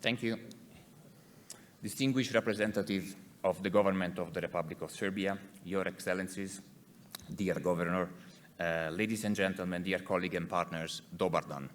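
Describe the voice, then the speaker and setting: A man with an Italian accent giving a conference presentation in English as an executive, speaking haltingly and repeating words. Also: sits low, fairly even intonation, slight background noise.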